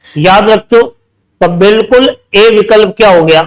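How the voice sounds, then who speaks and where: A man's voice: high voice, low-quality recording. A male teacher with a Rajasthani Hindi accent giving an exam-prep lecture, asking rhetorical questions and answering them himself. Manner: slows down to spell out key terms.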